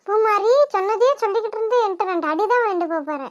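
A woman's voice: extremely high pitch, racing, highs cut off. A woman with a Kanyakumari Tamil accent voicing a short-tempered village mother who scolds her child. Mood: exasperated. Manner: scolding, exasperated.

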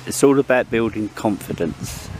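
A man's voice: on the low side, expressive, normal speed. A man casually narrating his own vlog on a ski slope, chatty and affectionate, filmed with a camera mic. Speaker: vlogger filming his wife skiing. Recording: handheld camera outdoors with loud wind and crowd noise.

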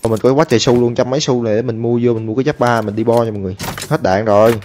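Excitable male game commentator. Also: medium pitch, rapid-fire. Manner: excitable, chatty, talks to viewers, taunts enemies. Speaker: gaming streamer. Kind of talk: live gameplay commentary. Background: game music and gunfire.

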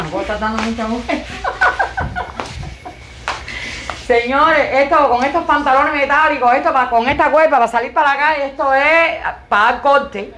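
A woman with a loud, high voice, chatting playfully and joking about herself while she models clothes in a boutique for a vlog. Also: a little hiss or hum. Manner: playful, joking, self-mocking.

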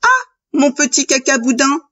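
A woman's voice: high-pitched, big pitch swings, normal speed, pushed and bright, muffled recording, pitched above the performer's own voice, heavily acted. A woman doing a doting rabbit dad. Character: fond rabbit father.

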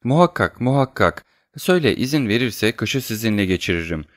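A man reading an audiobook, voicing an idle gentleman who speaks coldly and indignantly. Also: lowish voice, sing-song, fairly quick, no echo, clean studio sound. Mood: curt. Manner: cold, indignant. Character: weary, idle gentleman roused to anger.

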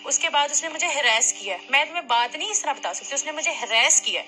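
A woman's voice: sits high, lively intonation, quick pace, pushed and bright. Indignant young woman on a phone call. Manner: indignant, insistent, repeats herself. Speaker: complaining client on a phone call. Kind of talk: heated phone argument. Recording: phone call recording with faint music.

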